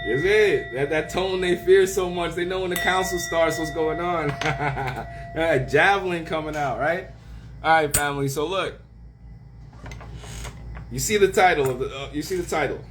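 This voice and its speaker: A man hosting a casual livestream, greeting viewers by name with slang shout-outs and laughing often. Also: a little high, a little hiss or hum. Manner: laughs often, drawn-out words. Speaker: livestream host.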